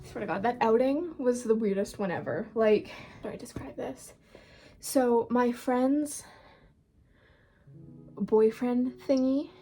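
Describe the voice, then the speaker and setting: A young woman, a book vlogger, rambles casually through a storytime chat at home, swearing and using lots of filler words. Her voice sits on the high side with a dark tone.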